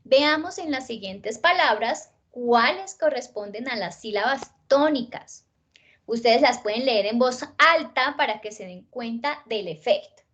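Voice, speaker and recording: A woman teacher with a Colombian accent giving an online spelling lesson, slowing down to stress words and often checking in with her listeners. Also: on the high side, expressive, a bit bright. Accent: Colombian Spanish.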